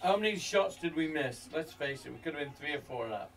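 High-voiced older man, very animated. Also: a little fast. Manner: repeats his exclamations and phrases. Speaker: football fan reacting to a match. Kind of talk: casual watch-along commentary. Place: small wood-panelled fan room, away from the camera. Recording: distant room mic with light noise.

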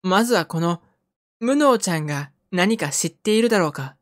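With a natural, animated voice on the low side and a moderate pace, a woman narrates wryly as a bewildered, memory-less young man with a dry inner voice. Game music sits underneath.

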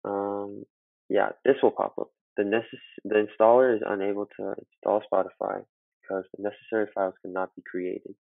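Chatting loosely with many fillers, a student records a casual screen-capture tutorial on a computer for a how-to video. The built-in laptop mic leaves him muffled, as if behind a wall, with no room sound; his lowish voice has vocal fry, little pitch movement and a moderate pace.

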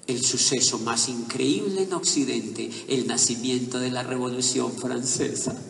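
A man giving an animated motivational talk to a live audience, telling a story and building to emphatic points. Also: mid-range voice, gravelly, a little hiss or hum. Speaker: motivational speaker. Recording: echoey hall, voice picked up from a distance.

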